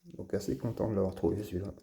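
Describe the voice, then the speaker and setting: Male vlogger, gravelly, dark-toned voice, unhurried, hesitant delivery while presenting toy finds. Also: low voice. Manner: halting, with frequent fillers and restarts. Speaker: toy car collector and channel host. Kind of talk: casual show-and-tell vlog.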